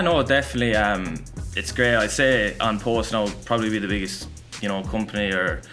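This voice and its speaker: A man's voice: lowish voice, a bit bright. A man in his early twenties with a west of Ireland accent, answering interview questions casually and often adding "you know". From Galway, west of Ireland. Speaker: esports player, interviewee. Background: music.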